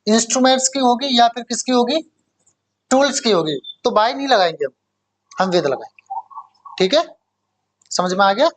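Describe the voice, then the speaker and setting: A man from India teaching an English grammar lesson to a class. He asks questions and answers them himself, checks "okay?" often and repeats key words slowly. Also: very high-pitched, expressive.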